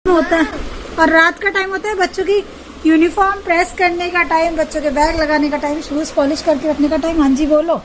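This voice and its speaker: High-voiced chatty woman vlogging at home. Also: level tone, fairly quick, slight background noise. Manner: chatty, often asks viewers for agreement. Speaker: family vlogger. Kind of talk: casual home vlog chat.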